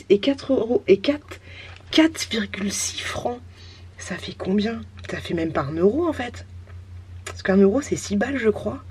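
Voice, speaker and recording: Woman, 30s, casual home vlogger; giggly, slangy, mid-pitched, light background hiss. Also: darkish tone. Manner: chatty, giggly, slangy and nostalgic. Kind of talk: casual vlog chat.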